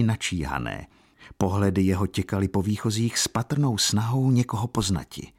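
A man narrating a novel in a steady, measured manner. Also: fairly low pitch, husky. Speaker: audiobook narrator.

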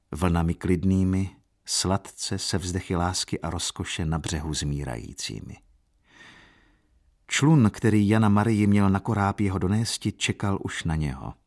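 A man narrating a literary audiobook in a steady, formal storytelling manner. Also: low-pitched.

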